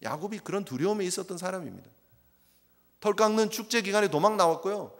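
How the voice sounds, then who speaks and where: A male pastor preaching a sermon in a church, swinging between hushed, low passages and loud, emphatic ones. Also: lively intonation, fast talker. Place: church sanctuary. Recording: long reverb of a church sanctuary.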